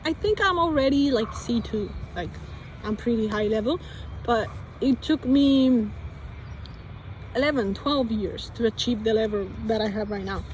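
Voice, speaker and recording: A young Colombian woman vlogs in English, her second language, with a Colombian Spanish accent, thinking aloud hesitantly with lots of fillers and restarts. Her voice is on the high side with a darkish tone, and the rough recording carries slight background noise.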